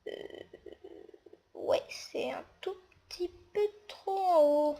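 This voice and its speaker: Woman, high voice, slow, casual game tutorial, hesitant, lots of fillers. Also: creaky, dark tone. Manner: hesitant, narrates actions with fillers.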